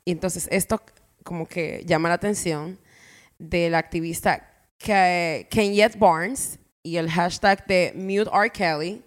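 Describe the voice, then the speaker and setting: A woman's voice: fairly low pitch, fairly even intonation, slow. A woman with a Dominican Spanish accent telling stories casually as a podcast co-host, using slang and slipping in English phrases. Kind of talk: casual conversational storytelling.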